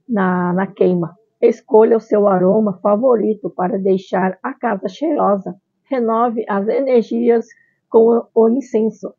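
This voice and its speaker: A woman's voice: medium pitch, dry recording. A middle-aged woman presenting an explanatory vlog as the channel's host. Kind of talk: explanatory vlog, partly read from a script. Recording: thin phone-like sound.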